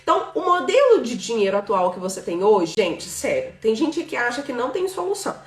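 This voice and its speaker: Her voice runs high with wide pitch swings and a slightly quick pace, captured from afar in a roomy setting. She's a Brazilian woman in her thirties mentoring on finance in a casual live class, with listeners present in the room. Chatty and full of fillers, she keeps asking "tá bom?" and "né?".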